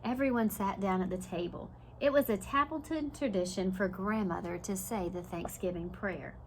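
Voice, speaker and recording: Her voice sits in the mid range as a woman reads a picture book to children in a lively preschool-teacher style. She pauses now and then to pose questions to her young audience, and a faint hiss or hum runs underneath.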